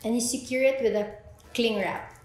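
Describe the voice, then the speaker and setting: Hosting a drink recipe video, this woman in her 20s presents a step-by-step tutorial from an indoor kitchen with bare walls. She has a fairly high pitch and fairly even intonation, speaking at a moderate pace. Background music plays, and the room sounds echoey.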